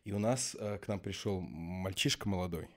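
Appearing as a podcast guest, a Belarusian actor and acting teacher chats casually in a low voice at normal speed. He has a slushy lisp that pushes his s sounds toward sh.

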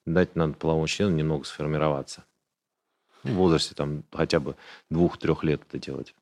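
A man with a very deep, low voice talks through medical details in a relaxed podcast chat. His manner is explanatory and matter-of-fact, plain and unembarrassed. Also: a little fast. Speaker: urologist guest. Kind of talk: casual podcast conversation.

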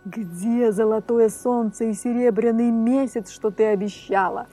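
A woman voicing a wrathful old sea king who speaks slowly and menacingly in a storybook tale. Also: on the high side, fairly even intonation, dark tone, soft background music.

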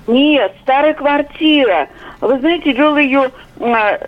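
A woman's voice: high-pitched, slow. A woman caller on a radio show, heard over a landline phone, reminiscing hesitantly with restarts. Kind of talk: call-in chat. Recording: tinny phone line.

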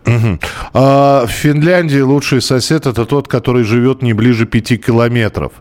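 A man's voice: medium pitch, fairly even intonation, normal speed, a little mellow. Man, talk show host, reads listener messages, conversational, hesitant at times.

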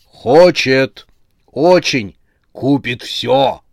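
A clamoring chorus of greedy living heads that bark out slogans at high volume, as a male narrator puts them on. Dry, close storybook recording. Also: lively intonation, slow, dry recording. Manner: loud chanting, shouted slogans.

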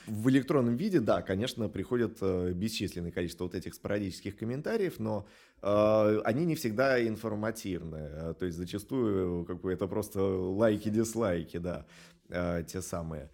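In an interview, an animation studio director gives thoughtful, halting answers full of drawn-out hesitations. He has a fairly low, gravelly voice that comes across a little mellow.

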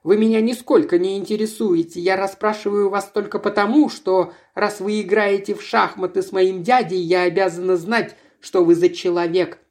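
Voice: medium pitch, fairly even intonation, moderate pace, hardly any pauses, darkish tone, lightly acted. A reader putting on a haughty young miss, raised and bossy. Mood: indignant. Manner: imperious, scolding. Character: haughty young woman, employer's niece, bossy and touchy.

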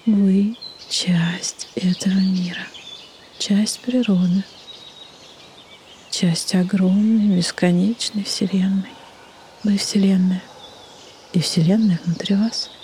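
A woman leading a guided meditation in a soft, breathy half-whisper, with soothing delivery and long pauses. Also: mid-range voice. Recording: faint background noise, birdsong ambience. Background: birdsong and nature ambience.

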